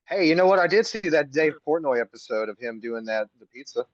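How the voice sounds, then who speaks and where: A man co-hosting a podcast, animated and joking in casual chat, on a dull lo-fi mic. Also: a little high, fairly quick, no room sound. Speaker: podcast co-host.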